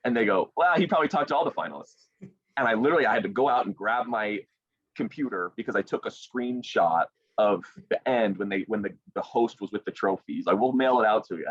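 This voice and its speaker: A young man with a low voice tells his story as a guest over a video call, jumping into lively quoted voices. His laptop mic sounds dry and a little dull, with no room around him. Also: a little fast, dry recording. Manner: animated storyteller, quotes others with lively voice jumps. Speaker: guest, young sports broadcaster. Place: indoors at home.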